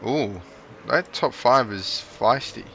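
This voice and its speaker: A man's voice: medium pitch, slow, gravelly, fairly bright tone, lo-fi sound, a little hiss or hum. A man giving casual, joking commentary over a racing management game, cheering on his drivers. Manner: chatty, cheers on his drivers, jokey asides. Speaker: gaming YouTuber.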